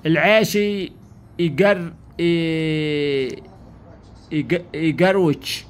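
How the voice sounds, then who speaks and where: A man's voice: on the high side, steady tone, very slow. A man with a Kuwaiti accent casually prompting his guest with old sayings, as host of an informal chat. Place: sitting room, indoors. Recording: clear background noise in room.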